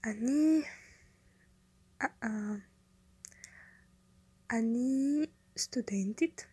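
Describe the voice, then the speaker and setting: A young woman, a non-native Hebrew speaker with a foreign accent, introduces herself in simple, hesitant phrases, searching for words in a breathy voice. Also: a little high, mellow, dry recording. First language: not a native Hebrew speaker. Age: young adult. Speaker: language learner, university student. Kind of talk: simple self-introduction in a learned language.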